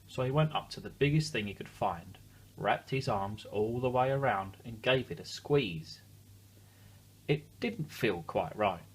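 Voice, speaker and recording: A man with a husky, lowish voice and lively intonation reads a picture book aloud to children at a measured pace. He reads expressively, adding simple chatty asides and questions for his young listeners.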